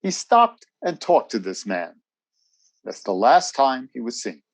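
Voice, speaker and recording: In a radio drama, an actor voices an army major who is brisk, guarded and courteous, speaking in a clipped, formal, official manner. The male voice sits at medium pitch but swings hugely in pitch, with an exaggerated delivery. His mood is grave and matter-of-fact.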